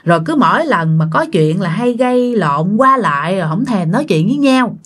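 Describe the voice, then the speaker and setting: A woman's voice: medium pitch, very animated, brisk. A woman telling a ghost story in a chatty way, addressing her listeners directly. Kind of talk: spoken ghost-story narration.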